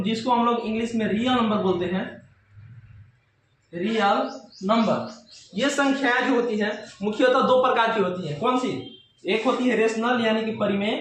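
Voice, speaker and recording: A man's voice: high voice, fairly bright tone. A young man teaching a maths lesson, repeating key terms and asking and answering his own questions. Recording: very echoey room with faint noise.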